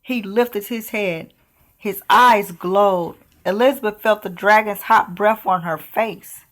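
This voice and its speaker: With a mid-range voice, a woman acts as storyteller, reading a children's picture book aloud in an expressive, deliberate way.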